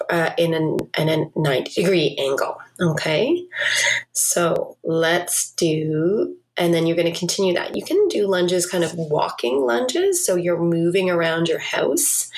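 A woman's voice: fairly low pitch, creaky. A woman leading an exercise class as a fitness instructor, giving cues and countdowns in an encouraging way. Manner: encouraging, coaching.

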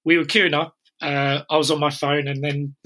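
A man from the London area recounts a football away day in relaxed conversation. His voice is bright and sits a little high, and he wanders through the story with plenty of ums and uhs. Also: moderate pace. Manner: meandering storytelling with fillers. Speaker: podcast co-host. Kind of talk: casual chat.

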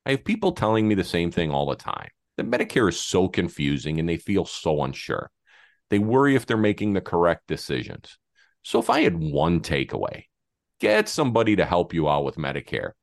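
Male podcast guest, advisor type, very low voice, animated intonation, close dry sound. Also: brisk, creaky, no echo. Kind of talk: conversational advice on a podcast.

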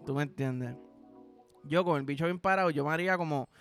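A man's voice: a little high, a little fast, a bit bright, soft background music. A man with a Puerto Rican accent hosting a podcast, rambling through a crude comic monologue in a playful, profane way. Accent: Puerto Rican Spanish. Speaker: podcast host.

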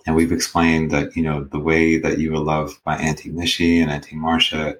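A man's voice: very deep voice, monotone, normal speed, a little hiss or hum. A man speaking as a podcast guest, thoughtfully sharing personal reflections and often checking for agreement. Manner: thoughtful, tag questions seeking agreement.

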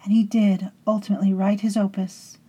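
A woman hosting and narrating a scripted horror story in a hushed, intimate way, sometimes sinking into whispers and calling her listeners beloveds. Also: mid-range voice, level tone, fairly quick, breathy edge, low-quality recording. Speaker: storytelling host.

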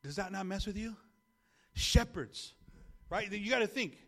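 A man's voice: sits high, animated, unhurried, vocal fry. A man, a pastor, preaching a conversational sermon, often restarting his phrases and asking the congregation to repeat words after him.

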